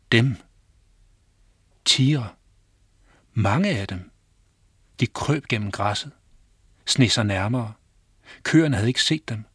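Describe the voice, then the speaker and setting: A man reading his own children's story aloud, calm and clear storytelling. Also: mid-range voice, no room sound, clean studio sound.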